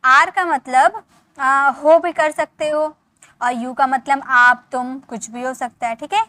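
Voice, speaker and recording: High, bright-voiced woman teaching slowly. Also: fairly even intonation, no echo. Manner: patient, repeats words slowly and asks the viewer questions; spells words letter by letter and drills pronunciation. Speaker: English teacher. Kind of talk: spoken English lesson explained in Hindi.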